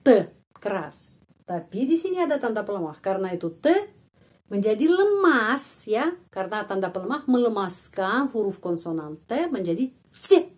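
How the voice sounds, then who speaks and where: Woman slowly modeling pronunciation as a teacher. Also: mid-range voice, very animated. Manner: slow, deliberate, repeats words to model pronunciation. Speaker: Russian language teacher. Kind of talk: pronunciation lesson.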